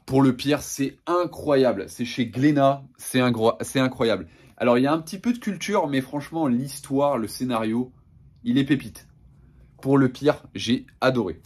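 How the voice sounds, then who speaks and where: A man's voice: medium pitch, a little mellow, breathy edge. A young man, casually showing off his latest manga purchases with lots of enthusiasm and filler words. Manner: enthusiastic, slangy, many fillers. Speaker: manga vlogger. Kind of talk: casual haul review.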